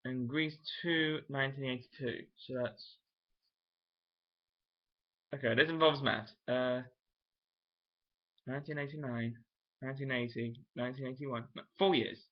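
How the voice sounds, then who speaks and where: A young man chatting casually to camera in a vlog, rambling and thinking aloud with frequent restarts. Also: medium pitch. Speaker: vlogger. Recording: dull lo-fi home recording.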